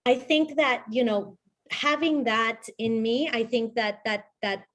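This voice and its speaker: A woman's voice: a little high, steady tone, a little slow, a bit bright. A woman from Ecuador, a guest talking reflectively in a casual interview, with many fillers and restarts.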